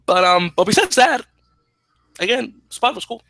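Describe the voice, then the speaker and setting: High, sing-song, bright, and forceful, the voice belongs to a young Dominican man co-hosting a casual podcast at normal speed in a dry recording. He talks into a headset mic in a small room at home, opinionated and explanatory, going on at length and often restarting phrases.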